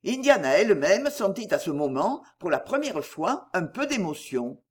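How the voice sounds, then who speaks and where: A narrator reading a classic novel aloud in an expressive, even-paced style. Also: medium pitch, normal speed, slightly rough. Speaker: audiobook narrator.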